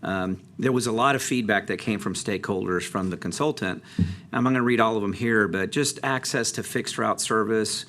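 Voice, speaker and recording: A man's voice: fairly low pitch, normal speed, fairly bright tone. A man giving a casual, conversational update to a city council, with many fillers and restarts. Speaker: transit district presenter. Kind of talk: council presentation.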